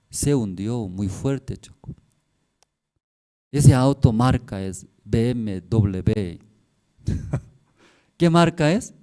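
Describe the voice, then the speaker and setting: A man preaching a Sunday sermon as pastor, in simple, halting Spanish with broken grammar, acting out the voices he quotes. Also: medium pitch. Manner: acts out quoted voices, rising and falling in loudness. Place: church service, streamed online.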